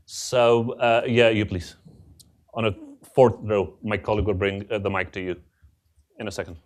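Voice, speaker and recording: A man moderating the question session, polite and a little halting. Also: fairly low pitch, flat delivery.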